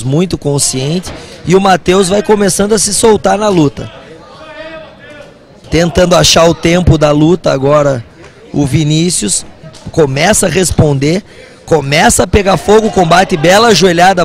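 A man's voice: on the high side, normal speed, soft background music. A Brazilian man giving live kickboxing commentary as a fight commentator.

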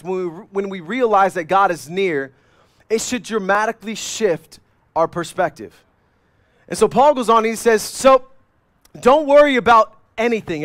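A man preaching a sermon in a rather high voice, animated and urgent. He swings from loud, pressing lines to hushed, low ones. The sound is close and dry. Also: no room sound. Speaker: pastor.

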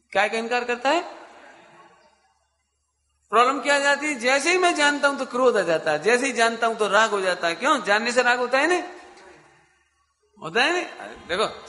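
A Jain teacher gives a spiritual discourse to a live audience, repeatedly posing questions to his listeners and then answering them himself, and he chants lines of scripture slowly. His voice is high, pushed and bright, with the sound of a large room.

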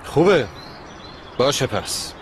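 A man's voice: medium pitch, big pitch swings, slight background noise, natural voice. An actor dubbing a determined young man in love who insists on talking things out. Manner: insistent, earnest. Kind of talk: Persian dub of a TV drama.

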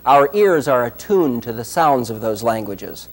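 A man's voice: mid-range voice, sing-song. Man narrating a history documentary. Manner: measured, explanatory storytelling. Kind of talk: scripted narration.

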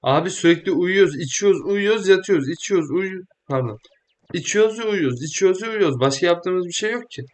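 A young man giving casual, joking let's-play commentary, excitable and slangy, often talking back to the game. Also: high-pitched, fairly quick. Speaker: gaming YouTuber.

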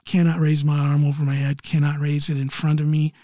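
A man in his early fifties from Ohio, hosting a solo podcast while recovering from neck surgery, talking haltingly and clearing his throat often. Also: fairly high pitch, little pitch movement, dark tone, no echo. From Ohio, USA. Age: 50s. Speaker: podcast host. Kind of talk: casual solo podcast monologue.

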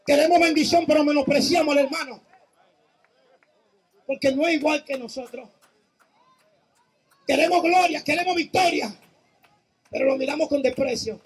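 High-voiced fervent preacher. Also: male voice, normal speed, pauses often. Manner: fervent, shouting exhortations with repeated praise calls. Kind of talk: Pentecostal sermon.

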